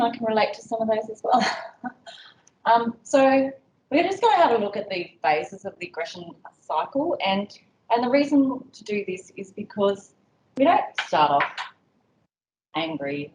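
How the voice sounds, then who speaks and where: Her voice is mid-range with a darkish tone as she leads an educational session for health staff, keeping it conversational and sprinkled with "um" and "you know." The audio comes from a distant mic, sounding dull and echoey with a little hiss or hum.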